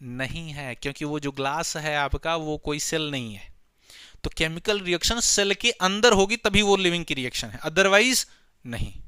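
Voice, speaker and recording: In a playful classroom biology lecture, a man with a somewhat high, sharp voice speaks at a normal pace, smooth and with no room sound. He keeps posing questions and answering them himself, calling his listeners his children.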